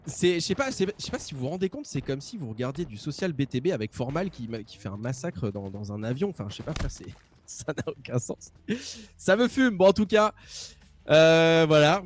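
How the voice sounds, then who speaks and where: An esports caster delivers casual live commentary at a quick pace in a medium-pitched voice, excitable and emphatic. Game noise is clearly audible behind him.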